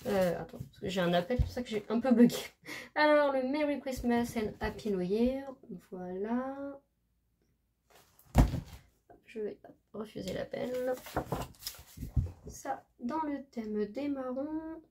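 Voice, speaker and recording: A woman's voice: fairly high pitch, slow pace, long pauses, noisy background. A woman vlogger chatting casually as she shows off craft paper, gushing and hesitating often. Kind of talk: casual show-and-tell chat.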